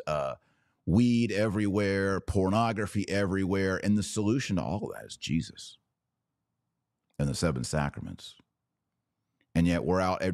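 In a very dry room with no echo, a deep-voiced American man hosts a podcast and takes viewer questions. His unscripted religious commentary is impassioned, preachy and emphatic, driven by short, punchy phrases and a darkish tone.

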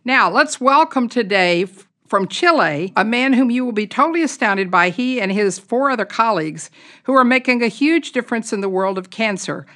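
A woman's voice: fairly high pitch, lively intonation, normal speed, bright, forceful tone. A woman hosting a podcast, explaining ideas step by step in an orderly, methodical way. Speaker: podcast host.

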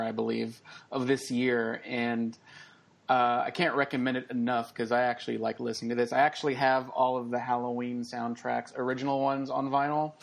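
A man with a gravelly, mid-pitched voice talks eagerly on a podcast, like a collector, with plenty of filler words. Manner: enthusiastic collector, many fillers. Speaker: podcast co-host. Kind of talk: casual chat.

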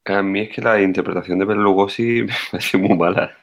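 A podcast co-host with a low, steady, creaky voice talks briskly and casually, offering blunt, opinionated takes on a film. He restarts often, and the recording sounds muffled.

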